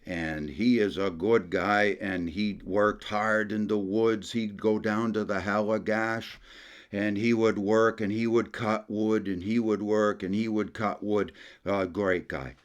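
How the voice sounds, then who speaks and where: Brief: man putting on an Acadian French storyteller, deep-voiced, folksy and rambling. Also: steady tone, slow. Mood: folksy storytelling. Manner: folksy, rambling, tacks "there" onto phrases.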